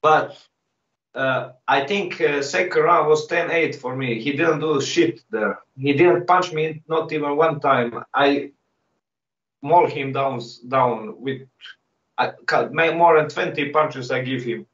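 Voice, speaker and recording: A man who is not a native speaker, boasting cockily in halting, broken phrasing during a casual fight interview. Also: a little high, fairly bright tone. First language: not English. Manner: cocky, boastful. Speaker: MMA fighter being interviewed. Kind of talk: casual pre-fight interview trash talk. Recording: dull, echoey, distant call-like sound.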